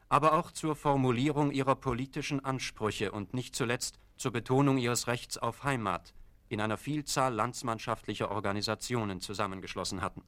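A man's voice: medium pitch, fairly bright tone. Male narrator, formal scripted documentary read, mid-range voice. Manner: measured, formal delivery.

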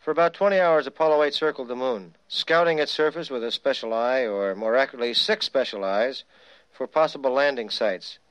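A man's voice: mid-range voice, brisk, fairly bright tone, clear, resonant tone, dry recording. A man reading a scripted documentary narration in a wry, storytelling manner. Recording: slightly dull sound, music behind.

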